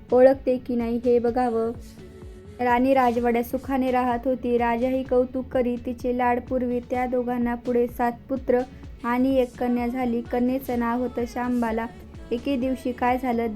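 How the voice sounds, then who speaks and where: A woman narrating a devotional story in a steady, measured reading. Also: a little high. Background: faint music.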